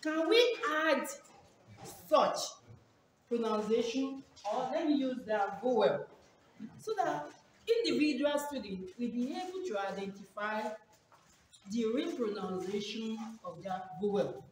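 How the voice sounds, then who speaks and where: Lively Nigerian woman asking a question. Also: fairly high pitch, a little slow. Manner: enthusiastic, repetitive, questioning. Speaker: workshop participant. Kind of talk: audience question. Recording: echoey hall, distant mic, noise.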